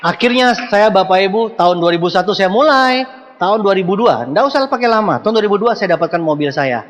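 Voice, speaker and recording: A man giving a motivational seminar talk to a live audience, animated and joking, speaking to them directly. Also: high-pitched, fast, a little hiss or hum. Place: large hall with audience. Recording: long hall reverb.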